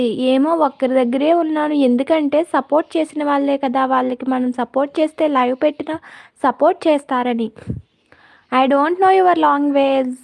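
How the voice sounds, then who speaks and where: A woman's voice: high voice, creaky. A woman hosting a casual live stream, chatting with viewers and answering their comments by name.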